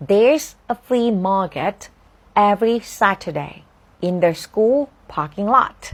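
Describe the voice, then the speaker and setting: A woman from southern Thailand giving a casual online English lesson, chatty and playful, repeating each word slowly for students to practice. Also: mid-range voice. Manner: playful, teasing asides. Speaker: English teacher.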